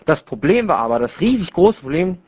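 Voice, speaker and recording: A man's voice: fairly high pitch, big pitch swings, brisk, slight background noise. A young man casually telling a crude story to other gamers over voice chat, rambling with many fillers and restarts. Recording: muffled lo-fi voice chat.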